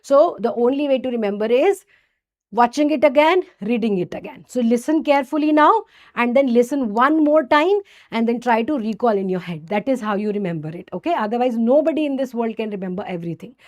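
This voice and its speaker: High-pitched North Indian woman lecturer. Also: lively intonation, a little fast, darkish tone. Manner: didactic, asks and answers own questions, frequent check-in tags like okay and right; mixes Hindi phrases into English. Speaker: medical lecturer. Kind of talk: exam-focused microbiology lesson.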